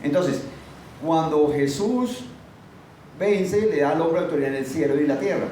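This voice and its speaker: A man with a mellow, slightly high voice preaches a sermon at a normal pace, emphatically hurling rhetorical questions at his listeners. He sounds far from the mic in a very echoey space with faint background noise.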